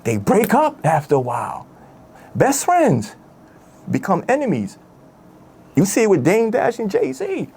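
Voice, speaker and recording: A man's voice: sits high, wildly swooping pitch, measured pace, gravelly, long pauses, darkish tone, slightly rough. A man telling his story in an interview, emotional and candid, full of street slang and asides like "my dude". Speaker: former rap group member telling his story.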